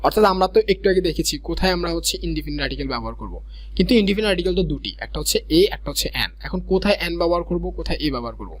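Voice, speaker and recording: A young man teaching a grammar lesson, explaining step by step and reading English examples slowly. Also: on the high side, animated. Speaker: grammar tutor.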